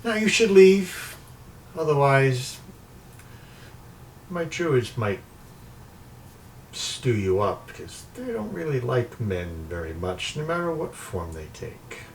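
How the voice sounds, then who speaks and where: A man voicing an imperious, mocking shapeshifting sorceress who talks in drawn-out, teasing threats. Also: medium pitch, huge pitch swings, gravelly, far from the mic, slight background noise, heavily acted. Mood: haughty menace. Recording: mic set back, faint music.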